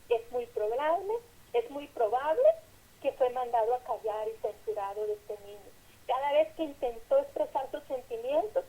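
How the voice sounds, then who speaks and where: A woman with a fairly high, mellow voice gives an earnest sermon-style lecture. She talks in short, measured phrases and acts out the lines she quotes. The sound is lo-fi and a little phone-like. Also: slightly rough.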